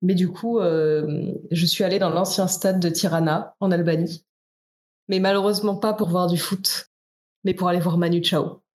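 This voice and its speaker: A woman's voice: fairly low pitch, steady tone, normal speed, darkish tone. Woman guest on a podcast, giggly, kinda apologetic. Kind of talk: casual podcast chat.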